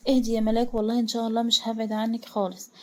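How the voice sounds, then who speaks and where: A woman's voice: fairly high pitch, little pitch movement, rapid-fire, darkish tone, natural voice. A woman with an Egyptian accent voicing a remorseful older father who pleads and soothes earnestly. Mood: soothing. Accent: Egyptian Arabic.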